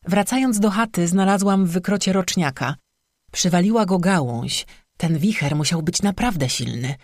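The audiobook narrator voicing a hungry young peasant wife who frets and chatters eagerly, at the narrator's own middle pitch in a dry, close recording. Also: no echo, lightly acted. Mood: chatty. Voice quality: chattering, quick to fret.

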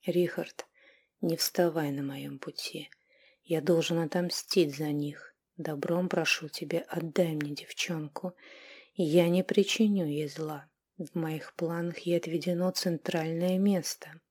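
A brooding werewolf man in an audiobook, grieving and low, his words sinking into slow whispers, as a woman reader puts him on. The voice sits a little below the reader's own and stays soft and quiet throughout. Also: fairly even intonation, slightly rough. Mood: grim. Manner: hushed, often whispered and slow.

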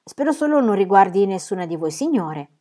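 In a storybook reading, a kind young gentleman speaks politely and calmly, in a warm, mellow voice, as a woman reads his lines. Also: high-pitched, fairly quick. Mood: courteous. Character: gallant young man, kind and eager.

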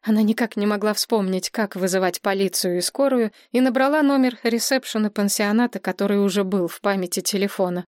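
A woman's voice: medium pitch, a little fast, few pauses, darkish tone, dry recording. Woman narrating an audiobook, dry.

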